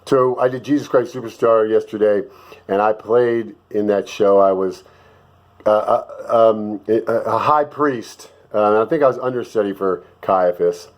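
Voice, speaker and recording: A man's voice: on the low side, a little slow. A man with a cold, hosting his own vlog in a rambling, jokey casual chat. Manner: rambling and jokey, with many fillers. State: sick, voice lower than usual. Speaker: vlog host.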